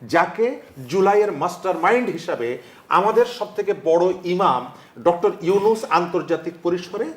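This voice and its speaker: Measured man, rhetorical debater. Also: high-pitched, lively intonation, reverberant. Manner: measured, pointed, rhetorical questions. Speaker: talk show guest. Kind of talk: political debate.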